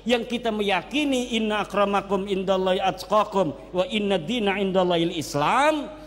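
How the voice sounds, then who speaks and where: A man speaks in a high, bright register as he gives a religious lecture. He is lively and jokes often, mixing local Sundanese and Javanese words into his talk. His voice carries a long, echoing hall reverb. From Banten, Indonesia. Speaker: Islamic cleric speaker.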